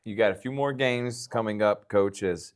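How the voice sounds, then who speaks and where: A man's voice: lowish voice, measured pace. An American man hosting a local sports interview show, chatty and encouraging as he builds up long questions.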